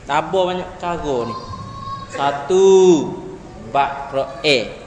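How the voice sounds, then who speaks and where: A man with a Patani Malay accent teaches Quran recitation in an animated way, drilling sounds again and again. His voice sits high and carries a long reverb through a hall. Faint noise hums behind him. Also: slow. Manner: animated, repeats sounds for students, chuckles often. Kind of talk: classroom teaching. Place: classroom.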